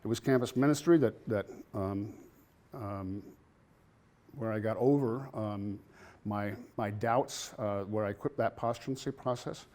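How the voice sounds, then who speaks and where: A man in his sixties gives a halting speech at an anniversary gathering, sharing memories with many pauses and soft chuckles. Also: fairly low pitch. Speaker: alumnus speaking at an anniversary gathering. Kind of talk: personal reminiscence speech. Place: campus ministry house at a celebration.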